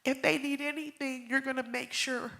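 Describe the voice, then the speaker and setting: A woman in her thirties giving a heartfelt eulogy at a memorial, telling stories with emotion and often dropping to a hushed whisper. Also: high voice, fairly even intonation, moderate pace, vocal fry. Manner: emotional, swings from hushed whispers to loud bursts. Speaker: pastor's wife speaking at a memorial.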